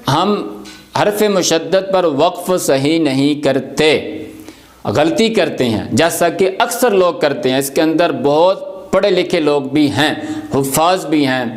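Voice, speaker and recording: A man teaching Quran recitation rules, explaining patiently and repeating each example slowly. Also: fairly high pitch. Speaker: tajweed teacher.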